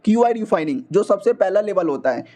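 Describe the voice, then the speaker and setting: A man casually retelling a comic story in a chatty, slangy, joking way, slipping into quick voices for the characters. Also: high-pitched, expressive, mellow. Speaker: manhua recap narrator.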